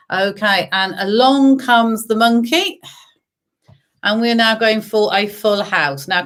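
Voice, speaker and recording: A woman's voice: medium pitch, a bit bright. A woman with a British accent working as a bingo caller, giving singsong number calls mixed with casual chatter. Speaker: bingo caller hosting an online game.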